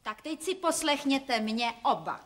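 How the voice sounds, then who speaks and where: A woman's voice: sits high, animated, in a large hall. A woman in a televised cabaret sketch playing a coaxing, motherly character who turns stern. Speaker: comic actress in a sketch.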